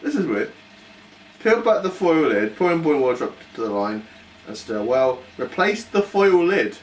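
A man's voice: fairly high pitch, very animated. A man co-hosting a casual food taste-test, blunt and joking, swearing freely. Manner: blunt, swears, quick jokes. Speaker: food review co-host. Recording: echoey room, distant mic, faint noise.

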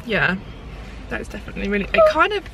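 A woman's voice: mid-range voice, fast talker, gravelly. Brit girl talking with her mouth full in a car, chill chatty vibe, noisy background. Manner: relaxed, chatty, trailing off mid-sentence. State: talking while chewing. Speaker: vlog co-host. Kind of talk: casual chat. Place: parked car.

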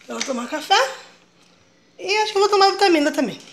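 Chatty young mom vlogging at home. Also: female voice, high-pitched, animated, brisk. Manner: chatty, narrates chores to viewers. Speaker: vlogger and mother. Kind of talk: casual home vlog to viewers.

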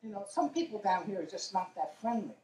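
A man voicing a kind, soft-spoken woman schoolteacher in her thirties. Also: high-pitched, expressive, fairly quick, very noisy. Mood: gentle. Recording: roomy echo, distant mic.

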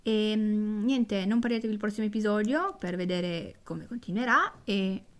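A woman's voice: medium pitch, normal speed. Chatty woman signing off her channel. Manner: chatty, friendly asides to viewers. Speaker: storyteller channel host. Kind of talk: casual video outro.

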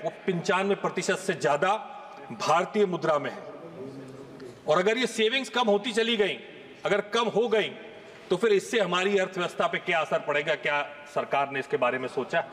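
A man in his thirties, a member of parliament, gives an emphatic speech packed with rhetorical questions. His voice is high-pitched and a bit bright, captured by a fixed desk microphone in a large chamber with long hall reverb.

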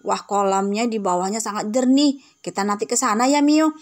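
A woman's voice: mid-range voice, fairly even intonation, fairly quick, close to an everyday voice. A woman voicing a cheerful big sister in a game role-play who exclaims in wonder and calls out names.

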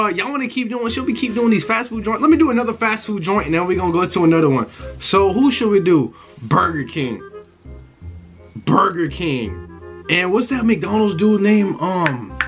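A young man with a slightly high voice talks in loose, sweary slang. He addresses everyone as bro in casual chat, with music playing behind him. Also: a bit bright. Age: young adult. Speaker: prank caller and video host. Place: indoors in front of a dark backdrop.

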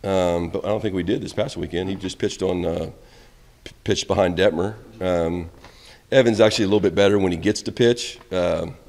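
Low-voiced coach, candid and rambling. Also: male voice, fairly even intonation, a little fast, big-room sound. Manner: candid, rambling, trails off quietly at ends of answers. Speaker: college baseball head coach. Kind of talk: postgame press conference. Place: press room in front of a backdrop. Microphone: reporters' phones and handheld mics held close.

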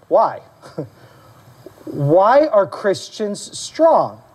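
A male pastor preaching a sermon to his church, animated, questioning the congregation and calling for amens. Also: drawn-out words, husky. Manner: animated preaching, acting out quoted voices with rising pitch. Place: church service.

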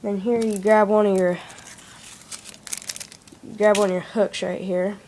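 A woman talking through a hands-on craft project in a plain, instructive way, one step at a time. Her voice sits at a middling pitch and comes through a handheld phone in a small indoor room. A faint hiss of room noise runs underneath. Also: fairly even intonation, a little slow, dark tone. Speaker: craft demonstrator. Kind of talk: casual how-to explanation.

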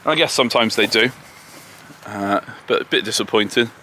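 Bright but lowish in pitch, this chatty man from England talks fairly quickly as a homesteader vlogger touring his garden and orchard outdoors, often poking fun at himself. The recording has a little hiss or hum, with tractors and farm vehicles in the distance.

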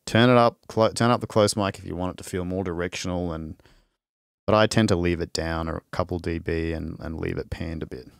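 Low-voiced man demoing music software. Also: dry recording, clean studio sound. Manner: loose and rambling, with restarts while working. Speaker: music producer demonstrating a sample library. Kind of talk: casual live-stream demo.

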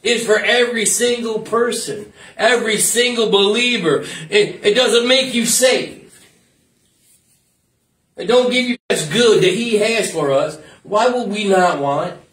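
A man's voice: high voice, fairly bright tone, far from the mic. A man preaching an informal sermon as pastor, repeating phrases and breaking off into asides. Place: church. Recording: echoey room, mic from afar.

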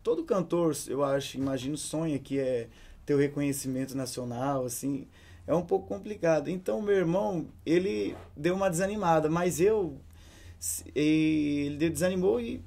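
A young man from Brazil with a Brazilian Portuguese accent, a singer answering interview questions in a relaxed, chatty way. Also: on the high side, normal speed, creaky. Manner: relaxed, chatty, with many fillers. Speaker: singer and songwriter, interview guest. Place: hotel room studio set.

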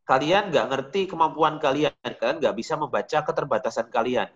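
A casual male art teacher with a somewhat high voice speaks a little fast in an online digital painting class, with dull audio. He is direct and repeats his points to the students.

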